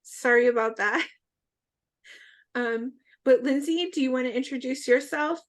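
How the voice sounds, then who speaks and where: A woman hosting a webinar over a video call, relaxed and friendly, with frequent fillers. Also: high-pitched, unhurried. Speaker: webinar host. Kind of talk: casual hosting. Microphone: video call mic.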